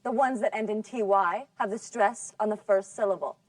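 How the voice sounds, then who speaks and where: A woman teaching an English class, speaking slowly and carefully enunciating so students can follow. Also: mid-range voice, dry recording, distant mic. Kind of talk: scripted language lesson.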